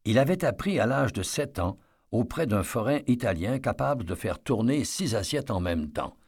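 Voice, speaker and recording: A man reading a story aloud as narrator, with expressive storytelling. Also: mid-range voice, moderate pace, slightly rough. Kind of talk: audiobook narration.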